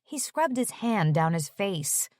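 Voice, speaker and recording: A woman narrating an audiobook romance in a slow, expressive reading. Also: medium pitch, dry recording, clean studio sound. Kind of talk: scripted narration.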